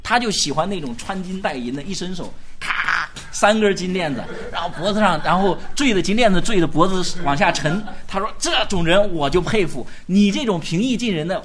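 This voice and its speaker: A male pastor preaching a sermon at a church gathering, animated, firing rhetorical questions and urging the congregation to answer loudly. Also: high-pitched, a little fast, hardly any pauses, noisy background.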